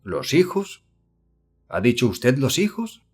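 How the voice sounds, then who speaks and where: A man voicing an earnest, excitable young idealist who speaks eagerly and effusively in an audiobook. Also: on the low side, a little slow, husky, faint music behind, exaggerated voice.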